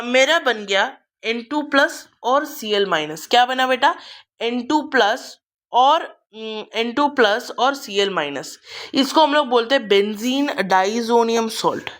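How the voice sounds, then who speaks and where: Slow, patient woman chemistry teacher. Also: on the high side, expressive, fairly bright tone. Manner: repeats steps and quizzes students, calls them beta. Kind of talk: Hindi-English classroom lecture.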